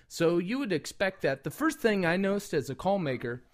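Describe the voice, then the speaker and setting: Male reviewer, somewhat high voice, informal and loosely rambling, everyday hobbyist review delivery. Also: sing-song, moderate pace. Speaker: product reviewer and call maker. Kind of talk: casual product review talk.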